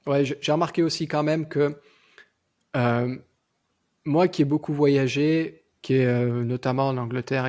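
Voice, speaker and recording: A man hosting a casual interview, asking questions in a conversational way. His mid-pitched voice has a gravelly, creaky edge. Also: a little mellow.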